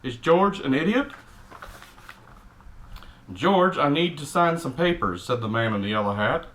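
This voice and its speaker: A man plays a cranky middle-aged Texan dad with a Texan accent, reading a picture book aloud as a comic character and tossing in blunt, exasperated asides. Grumbling, grumpy, and mildly profane, he speaks a little slowly in a fairly high, fairly bright, animated voice. There's slight background noise.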